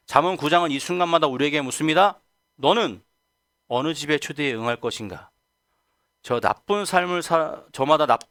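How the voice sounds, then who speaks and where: A man's voice: medium pitch, a bit bright, no echo, clean studio sound. A male pastor preaching a Sunday sermon who asks the congregation rhetorical questions and acts out quoted voices. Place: church sanctuary.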